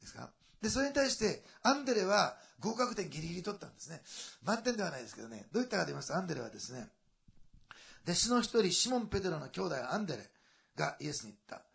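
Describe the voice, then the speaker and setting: A man preaching a sermon in a lively, conversational way, with asides and a lilt. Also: high-pitched, rapid-fire, vocal fry. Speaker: pastor.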